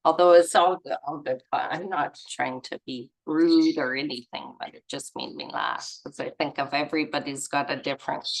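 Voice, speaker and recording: This woman leads a spiritual study gathering over an online group video call, reading passages and tossing in loose, rambling comments. Her low-pitched voice carries vocal fry and fairly even intonation at a moderate pace with hardly any pauses, though she chuckles, trails off and gropes for words. The recording quality is low.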